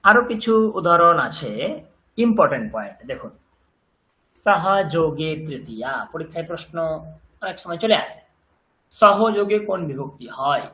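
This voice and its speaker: A patient male teacher works through a grammar lesson, repeating each word slowly so it sinks in. His voice is bright and clear, and the room around him is noticeably echoey. He sounds steady and methodical. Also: a little high. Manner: patient, drills words by slow repetition. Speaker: language teacher.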